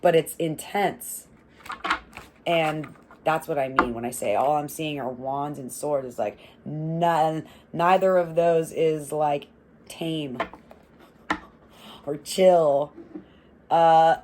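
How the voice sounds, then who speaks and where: A young woman lays out tarot cards in an unhurried, loose and rambling way, laughing and cursing as she goes. Her voice sits low, and her pace is slow and drawn out. A soft hum of room tone runs faintly behind her. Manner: swears freely, laughs often, animated and rambling. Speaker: tarot reader. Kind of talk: casual tarot reading.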